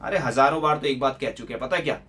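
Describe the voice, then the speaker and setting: A man's voice: medium pitch, fast talker, a bit bright, lightly acted. A man acting a young office-worker son in a theatrical monologue, complaining with sarcastic rhetorical questions. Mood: exasperated. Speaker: actor performing a monologue.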